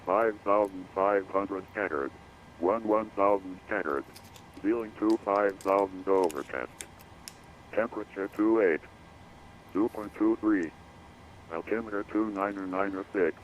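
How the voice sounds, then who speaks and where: Deep male airport weather broadcast voice. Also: measured pace. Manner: flat, repetitive automated readout of weather and runway notices. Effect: radio broadcast of automated airport information. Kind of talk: recorded airport weather and runway information broadcast. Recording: dull lo-fi radio feed with faint hiss.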